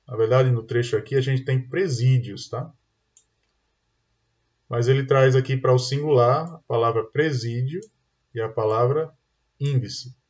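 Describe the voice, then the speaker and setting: A man with a Brazilian Portuguese accent teaching an online exam-prep lesson, explaining step by step and often checking in with "tá?" and "né?". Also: medium pitch. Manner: explanatory, tag questions "tá?" and "né?". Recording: dull lo-fi sound.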